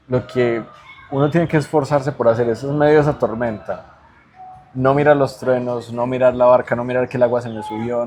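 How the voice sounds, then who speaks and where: A man's voice: medium pitch, a little mellow, a little hiss or hum. A man as an interview guest, giving earnest spiritual teaching in a conversational way and checking in with rhetorical tag questions.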